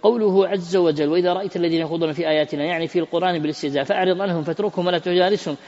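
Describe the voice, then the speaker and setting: A man's voice: sits high, a little mellow. A man reading a classical Quran commentary aloud at speed, stumbling and repeating words as he goes. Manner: rapid reading with self-corrections and repeated words. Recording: dull lo-fi audio with long reverb.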